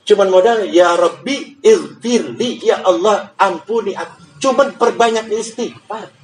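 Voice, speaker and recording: A man preaching a sermon in a lively, joking way, slowing down to recite Arabic. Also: high voice, low-quality recording. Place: mosque or prayer hall.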